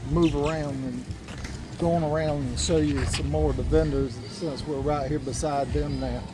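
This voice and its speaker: A man's voice: fairly high pitch, fairly even intonation, moderate pace, noisy background. A man giving easygoing, explanatory commentary outdoors as he walks along a marina. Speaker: vlog co-host. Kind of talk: casual walking-tour commentary. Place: outdoors at a waterfront marina, walking.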